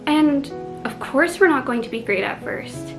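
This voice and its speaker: A woman's voice: sits high, expressive, normal speed, over music, rough recording. A woman with a Canadian accent, chatting casually to camera as a book vlogger, self-deprecating and full of "like".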